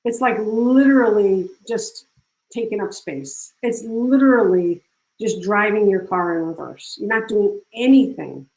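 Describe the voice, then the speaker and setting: A woman leading a live online workshop, talking casually and coaching with lots of restarts. Her voice sits at a middle pitch and carries a roomy echo from the video call. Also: a little mellow. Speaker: workshop speaker.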